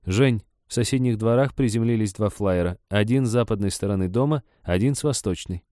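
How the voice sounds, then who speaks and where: A man's voice: on the low side, brisk, mellow, no echo, studio quality, lightly acted. A man voicing an eager, helpful male cyborg who talks in stiff, report-like machine phrasing in an audiobook story. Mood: deadpan eager.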